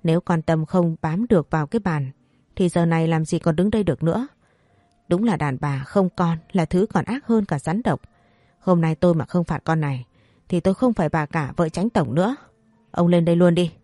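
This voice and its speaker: A domineering old matriarch scolds in fast, cutting bursts, as a woman storyteller puts her on. The voice stays low and mellow, with a dry, close sound. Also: no room sound, close to an everyday voice. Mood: scolding. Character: harsh domineering older mother-in-law.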